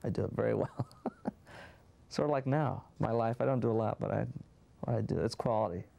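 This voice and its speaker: A man joking in a wry, deadpan way during a casual interview. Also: lowish voice, fairly quick, creaky, dry recording.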